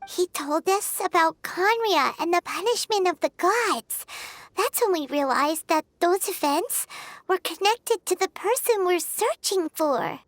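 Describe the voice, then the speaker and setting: A tiny childlike fairy sidekick in an animated game. The voice is extremely high and squeaky, swinging widely in pitch as she talks bluntly and inquisitively in a slow, dry-sounding delivery. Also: dry recording. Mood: chirpy, curious. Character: small childlike female fairy companion, chirpy, inquisitive, blunt. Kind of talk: animated video game dialogue.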